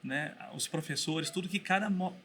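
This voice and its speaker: A man speaking as a podcast guest and teacher, telling a story in a thoughtful way with pauses and restarts. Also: on the high side, sharp tone, a little hiss or hum. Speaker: guest, Bible school teacher. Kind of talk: casual podcast conversation.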